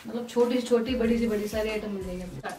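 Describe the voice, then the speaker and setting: A woman's voice: mid-range voice, fairly even intonation, a crowd in the background. A young woman hosting a travel vlog reacts to products in a warehouse. She sounds eager and often exclaims over how nice things look. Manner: enthusiastic, quick exclamations of delight. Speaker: vlog host. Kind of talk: casual vlog chat. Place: large indoor toy warehouse showroom. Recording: roomy echo, faint background music.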